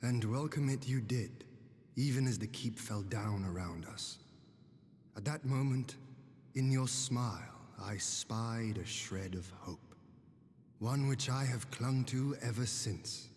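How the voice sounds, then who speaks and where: Grave noble lord, reverberant. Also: male voice, medium pitch, darkish tone. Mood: solemn, reflective. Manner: formal, archaic, deliberate. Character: noble male lord and leader, grave, composed, stirring. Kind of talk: video game voice acting. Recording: long hall reverb, faint music.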